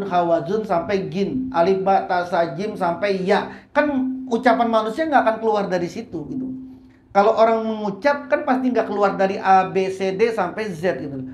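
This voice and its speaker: A woman's voice: medium pitch, a little mellow. Woman religious teacher, kitab lecture, phrase-by-phrase casual explaining; roomy room sound with faint background noise. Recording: roomy echo with faint hiss.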